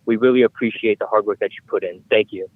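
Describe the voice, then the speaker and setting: Man, public comment caller, earnest, urgent, fast talker, tinny phone line. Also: fairly low pitch, fairly even intonation, no echo.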